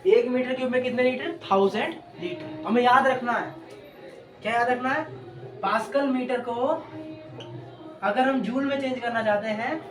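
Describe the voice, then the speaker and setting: A woman's voice: fairly high pitch, normal speed, long pauses. A woman chemistry teacher giving an exam-prep lecture, asking questions and answering them herself while repeating key terms. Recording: echoey room, distant mic, background music.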